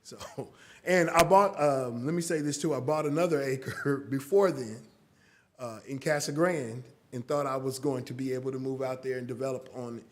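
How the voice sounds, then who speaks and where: Male, 50s, local resident giving public comment, hesitant, plain middle voice. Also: mid-range voice. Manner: halting, with many restarts. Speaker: resident addressing the council. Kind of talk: public comment at a city council meeting. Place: council chamber.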